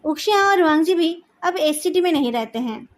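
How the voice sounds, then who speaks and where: A woman reading a fan fiction story aloud in a calm, even narrating manner. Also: sits high, moderate pace.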